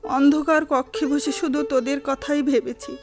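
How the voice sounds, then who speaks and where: A woman's voice: high-pitched, fairly even intonation, normal speed, soft background music, close to an everyday voice. An actress playing a loving, long-suffering middle-aged mother, emotive and sentimental in the manner of an old radio show. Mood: sorrowful. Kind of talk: radio drama acting.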